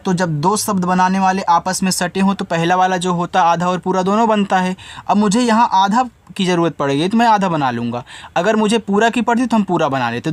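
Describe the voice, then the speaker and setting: A male teacher giving a phonics lesson, spelling words letter by letter and then explaining quickly while talking straight to the viewer. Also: sits high. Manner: reassuring, addresses viewer directly.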